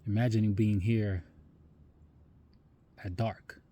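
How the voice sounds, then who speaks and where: A man vlogging outdoors on a snowy forest trail, cold and tired from the hike, talking in a calm, musing way with frequent "you know" asides into a handheld phone. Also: fairly low pitch, takes it slowly. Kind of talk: reflective outdoor vlog talk.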